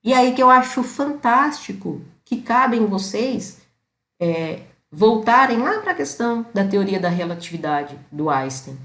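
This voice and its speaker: A Brazilian host of a self-knowledge channel tells a story in a slightly high, sing-song, unhurried voice with some brightness and a roomy sound. Her casual, chatty delivery is full of tag questions as she keeps checking in with viewers.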